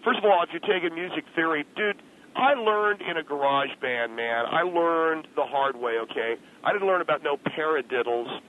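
A rock drummer phones in for a casual on-air chat, his fairly high voice expressive and at normal speed. The narrow telephone line is noisy. He sounds laid-back but defensive, using lots of slang and saying "man" and "dude."

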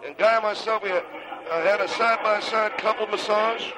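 A man playing an earnest, oblivious West Virginia state senator with an Appalachian accent and a halting, stammering delivery, in radio comedy. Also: high voice, fairly even intonation, voice pushed up, natural voice, poor audio. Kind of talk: satirical radio call-in character comedy.

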